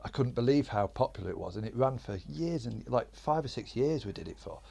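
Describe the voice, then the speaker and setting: A rambling man chats as a guest, his voice at an ordinary middle pitch. He tells the story self-deprecatingly, with plenty of restarts and asides. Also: expressive, brisk, vocal fry, warm tone, husky. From Sheffield, England. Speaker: comedian guest. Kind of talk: casual storytelling chat.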